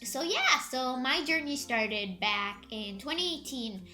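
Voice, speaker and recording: Upbeat woman vlogger in her twenties, fairly high voice, casual storytelling. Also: sing-song, slow, sharp tone. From Egypt. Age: 20s. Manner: chatty, upbeat, laughs often. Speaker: YouTuber. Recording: music faintly behind.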